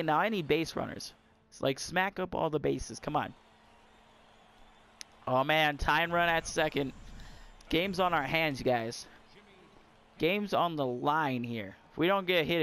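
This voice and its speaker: A young man giving casual, excitable commentary while playing a baseball video game and talking to his viewers. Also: a little high, a little hiss or hum. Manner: excitable, talks to viewers and the screen. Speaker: gamer.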